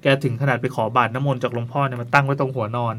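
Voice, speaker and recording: Fast-talking male storyteller. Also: medium pitch, little pitch movement, a bit bright. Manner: chatty, with playful asides to a co-host. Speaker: storyteller host. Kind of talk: casual ghost story narration.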